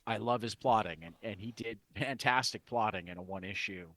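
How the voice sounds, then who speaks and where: A man's voice: on the low side, fairly quick, fairly bright tone, dry recording. A man co-hosting a comics podcast in casual chat, rambling with many restarts and fillers. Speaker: podcast co-host.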